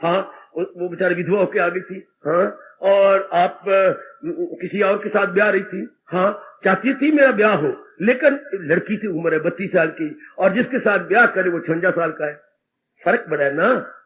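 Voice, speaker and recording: A man, a spiritual teacher giving a devotional discourse in animated storytelling with frequent laughter. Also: high voice, moderate pace. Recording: dull old tape recording with faint hiss.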